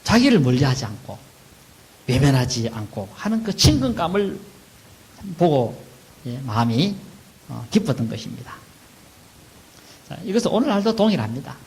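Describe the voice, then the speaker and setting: A man's voice: medium pitch, sing-song, moderate pace, pauses often, a little mellow, poor audio. A middle-aged man preaching a sermon as pastor, asking questions and answering them himself. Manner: acts out wailing mourners in a raised voice.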